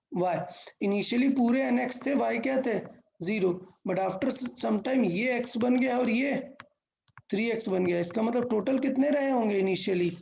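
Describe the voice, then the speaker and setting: Slow, gravelly woman teaching physics. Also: a little high, warm tone, dull audio, slight background noise. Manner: asks rhetorical questions and answers them; mixes English terms into Hindi. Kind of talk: step-by-step physics lecture.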